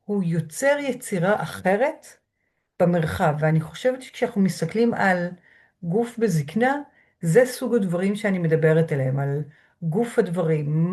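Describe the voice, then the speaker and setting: A woman lecturer speaking from home through a computer mic, guiding listeners through a grounding exercise in a slow, measured way with soft pauses. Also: on the low side. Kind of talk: calm guided lecture. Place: home room.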